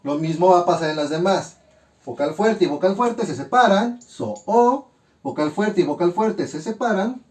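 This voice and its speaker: A man teaching a grammar lesson, methodically walking through examples and sounding out syllables slowly. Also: high-pitched, a little mellow.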